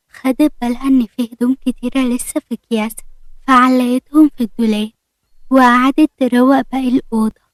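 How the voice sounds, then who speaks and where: An Egyptian woman narrating a romance story in an even, steady reading voice. Her voice sits fairly high, and the recording is close and dry with no room sound. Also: no echo, poor audio.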